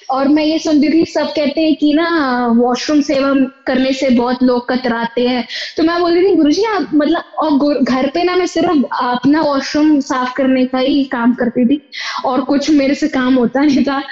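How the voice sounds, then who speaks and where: Young woman rambling thru her temple memories, lots of fillers, high voice, kinda muffled recording. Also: darkish tone. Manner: chatty, full of fillers, acts out her own past dialogue. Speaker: devotee sharing her experience. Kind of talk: casual spoken testimony. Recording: dull lo-fi recording.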